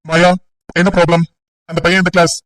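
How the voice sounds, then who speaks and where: A man playing a stern police officer and father in an amateur audio drama, brisk and lecturing. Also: fairly high pitch, flat delivery, a bit bright, recorded from a distance, lightly acted, low-quality recording. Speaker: police officer leading an enquiry.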